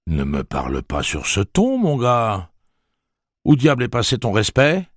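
A man with a low voice reading a novel aloud, playing a blustering middle-aged father who scolds in a raised voice. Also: a little fast, fairly bright tone, dry recording, clean studio sound, close to an everyday voice. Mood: angry.

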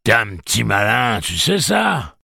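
A man's voice: sits low, lively intonation, takes it slowly, creaky, a bit bright, slightly rough, dry recording, studio quality, voice pushed up, heavily acted. A man voicing a gleeful, crude old pirate who mocks and threatens in coarse slang. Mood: taunting. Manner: mocking, coarse taunting.

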